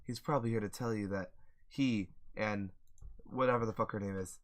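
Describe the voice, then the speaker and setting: A man with a dry, raspy throat, rambling and joking in casual chat as he plays a game. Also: lowish voice, fairly even intonation, normal speed. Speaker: gaming video host. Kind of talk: casual chat while playing.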